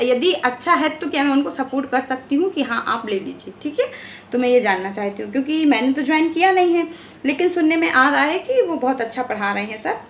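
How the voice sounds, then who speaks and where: High-voiced woman teaching, echoey room. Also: a bit bright, slight background noise. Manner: repeats "ठीक है" often, asks and answers own questions. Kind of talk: exam-prep lecture.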